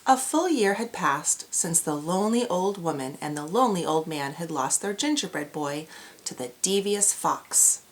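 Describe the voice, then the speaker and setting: A woman's voice: fairly low pitch, lively intonation, normal speed, a little hiss or hum. A woman storyteller reading aloud to children, with an exaggerated, cheery child-directed delivery and questions put to the young listeners. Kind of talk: animated children's read-aloud.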